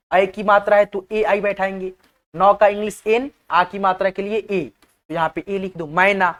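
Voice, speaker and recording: Woman teacher going slow and patient, spelling stuff out letter by letter, keeps checking you got it. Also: mid-range voice. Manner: patient, repetitive, often checks understanding. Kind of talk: whiteboard spelling lesson.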